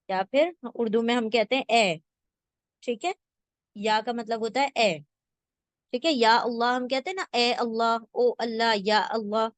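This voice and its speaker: A woman teaching a word-by-word scripture translation lesson, slowly and patiently, repeating each word and checking that listeners follow. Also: a little high, dry recording. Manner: slow patient teaching, repeats words and asks "theek hai?".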